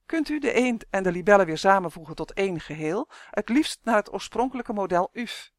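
A storybook reader voicing a brisk, practical dwarf girl who talks in a bossy, impatient way. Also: medium pitch, lively intonation, no echo, clean studio sound, close to an everyday voice.

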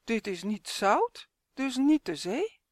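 Woman doing a little high-voiced chick. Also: big pitch swings, slow, dry recording, studio quality, heavily acted. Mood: curious. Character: small curious chick, young and eager.

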